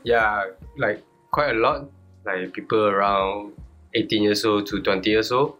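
A man's voice: lowish voice, unhurried, dull audio, faint music behind. A man chatting as a podcast guest in colloquial Singlish-style with clipped grammar and 'lah'. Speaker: guest tattoo artist. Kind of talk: casual podcast chat.

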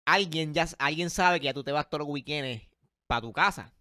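A man's voice: a little high, moderate pace, sharp tone, no room sound, studio quality. A man in casual chat, reacting with jokes and swearing. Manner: reacts with laughs and swearing, jokey theorizing. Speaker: podcast co-host.

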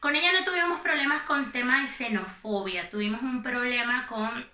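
A woman's voice: on the high side, moderate pace, sharp tone. A Venezuelan woman in her thirties, a guest chatting animatedly and laughing often. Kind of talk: casual podcast chat. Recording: echoey room.

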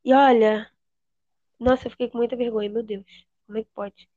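A young woman, telling embarrassing stories in animated casual chat and acting out the quotes. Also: on the high side, fairly quick, no echo. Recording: dull lo-fi dry sound.

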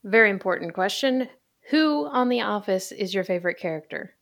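A woman's voice: mid-range voice, animated, brisk, vocal fry. A woman hosting a casual podcast in a chatty, jokey way, recorded inside a closet. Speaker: podcast host.

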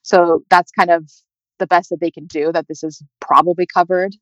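A young woman telling her own story in a halting, conversational way, with nervous laughs and a voice that rises toward tears. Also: fairly low pitch, little pitch movement, dry recording. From California. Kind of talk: personal storytelling. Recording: dry, slightly muffled audio.

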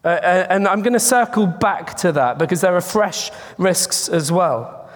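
Pastor at a pulpit microphone, high voice. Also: male voice, measured pace. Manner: earnest, chatty, with frequent restarts. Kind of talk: conversational sermon. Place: church sanctuary. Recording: long reverb of a church hall.

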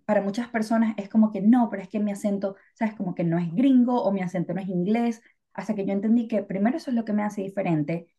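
The muffled recording captures a Venezuelan woman with a mid-range, dark-toned voice talking fast. As a podcast co-host, she keeps things chatty and reflective, with many fillers.

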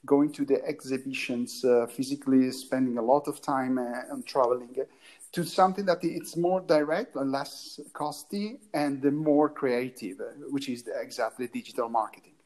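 A man's voice: medium pitch, normal speed, darkish tone. A man who grew up in Italy co-hosting a podcast, speaking hesitantly and often restarting while he searches for words. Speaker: podcast co-host. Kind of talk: casual podcast chat.

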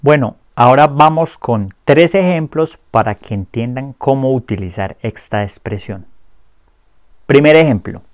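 A man teaching a lesson, speaking clearly and slowly modeling pronunciation for learners to repeat. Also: medium pitch, no room sound, clean studio sound. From Colombia. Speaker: Spanish teacher. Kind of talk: language lesson.

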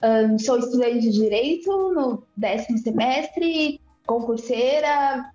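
A high-voiced woman in her twenties from Bahia, Brazil, speaks slowly with a Bahian Portuguese accent as an activist guest in a casual interview. She's relaxed and chatty and laughs easily; the sound is roomy and dull, with faint music in the background.

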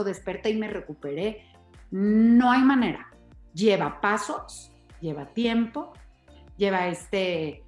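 A woman's voice: medium pitch, echoey room. A woman host, explaining things earnestly and with emphasis in a conversational interview.

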